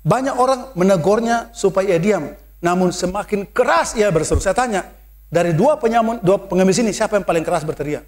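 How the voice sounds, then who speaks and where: A man with an Indonesian accent preaching a sermon in church, mixing English phrases into his talk and building to loud, emphatic calls. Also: high voice, fairly quick.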